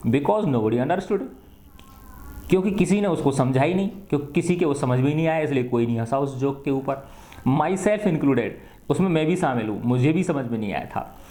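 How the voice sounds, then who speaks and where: A man's voice: a little high, expressive, dark tone. Male teacher, Hindi lecture, slightly raised voice, reverberant room. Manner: reads English lines slowly, then explains them conversationally with rhetorical questions. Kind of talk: explaining an English play in Hindi. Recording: echoey room.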